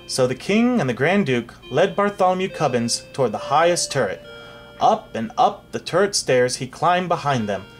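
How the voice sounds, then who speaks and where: Animated storybook read-aloud narrator. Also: medium pitch, normal speed, faint music behind. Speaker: reader.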